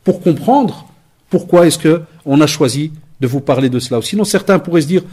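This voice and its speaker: Husky-voiced man giving a lively lecture. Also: fairly high pitch, moderate pace. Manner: lively storytelling, acts out dialogues, mixes in Arabic phrases. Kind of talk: conference talk to young people.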